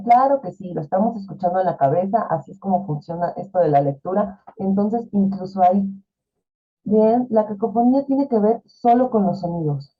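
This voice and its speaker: Woman teaching over a tinny call. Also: medium pitch. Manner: chatty, explains with fillers and rhetorical questions. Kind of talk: online class lecture. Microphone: video call. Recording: tinny phone-like video call audio.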